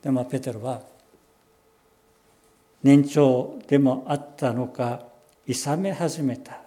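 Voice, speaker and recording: A pastor giving a sermon, explaining scripture in a measured way and slowing down on key phrases. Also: male voice, mid-range voice, mellow. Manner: measured, explanatory preaching with slowed emphatic phrases.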